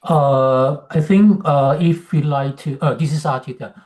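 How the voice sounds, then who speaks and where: A man speaking up in an online work meeting, explaining a point hesitantly with many pauses, over a video call microphone. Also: a little high, steady tone, a little mellow. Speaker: meeting participant.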